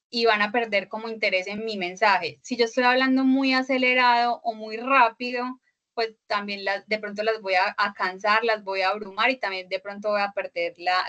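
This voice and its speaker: A woman's voice: mid-range voice, pushed and bright. A woman instructor giving an online class lecture over a video call, explaining step by step with many fillers and frequent checks for agreement.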